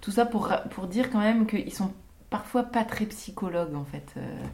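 A young woman and mother telling her own birth stories in an unscripted, hesitant way, with many pauses and fillers. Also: mid-range voice, animated, a little mellow. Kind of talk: unscripted personal testimony.

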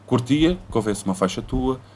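A man's voice: medium pitch, lively intonation, fairly quick, darkish tone. A young man, bantering casually with a friend in insistent slang, swearing freely. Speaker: rapper.

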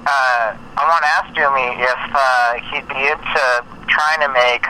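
Man on speakerphone, phone-in caller, very bright tone, friendly and rambling, light background noise. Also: mid-range voice, steady tone, normal speed, low-quality recording. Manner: friendly, rambling with many "uh" fillers. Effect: heard over a speakerphone. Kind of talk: casual chat.

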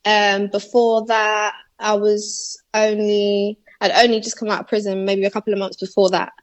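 Born in Malawi and raised in England, a young woman rapper appears as a guest in a casual interview, chatting easily in slang and often laughing between thoughts. Her middle-pitched voice moves at normal speed, recorded close and dry with no room sound.

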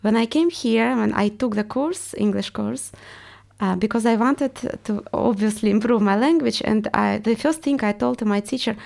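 A woman's voice: on the high side, normal speed, vocal fry, darkish tone. A woman from Estonia with a Russian accent, speaking reflectively as an interview guest and searching for words in her non-native English. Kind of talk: reflective personal interview talk.

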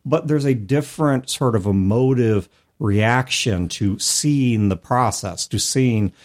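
Speaking slowly in a mid-range voice, a man hosts a relaxed podcast conversation on tabletop RPGs. He reflects aloud at length, adding hedging asides as he goes.

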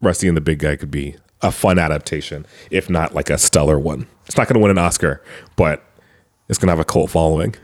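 Low-voiced man rambling casually. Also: quick pace. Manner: rambling, laid-back, with frequent "like" fillers. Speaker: podcast co-host. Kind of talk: casual chat.

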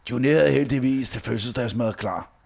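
A man with a gravelly, creaky voice at an ordinary pitch. He tells comic stories in slangy, sweary language, slipping in casual asides like a podcast host. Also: a little mellow, slight background noise. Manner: slangy and profane. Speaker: podcast co-host reading a satirical diary.

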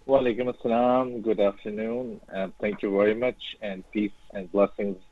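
A male radio guest with a lowish voice answers questions earnestly over a phone line. The sound is narrow, tinny and dry, and he pauses often with hesitations. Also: little pitch movement, no room sound. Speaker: radio host, guest on the show. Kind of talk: interview answers. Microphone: phone call into radio show.

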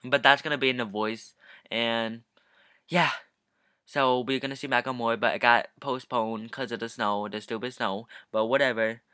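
Teen boy podcast co-host, mid-pitched, sarcastic, dry phone recording in a car. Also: fairly even intonation, normal speed, pushed and bright, dry recording. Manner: sarcastic, teasing. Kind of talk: casual chat. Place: back seat of a car.

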